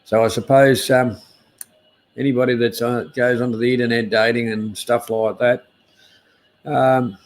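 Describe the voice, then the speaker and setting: A man's voice: mid-range voice, flat delivery, a little slow, pauses often. An Australian man hosting a casual live stream news chat, speaking in a laconic, hesitant, easygoing outback drawl.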